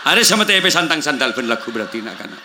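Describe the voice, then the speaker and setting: A man's voice: medium pitch, sing-song, rapid-fire, background noise. A man with a Madurese accent giving a comic sermon at a village gathering, telling jokey stories and acting out dialogue in several languages. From Madura, Indonesia. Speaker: preacher.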